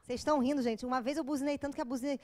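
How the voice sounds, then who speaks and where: A woman's voice: high voice, steady tone, racing, heavy background noise. A woman with a Brazilian Portuguese accent giving an informal, joking lecture to a live audience. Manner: joking, chatty, with acted asides.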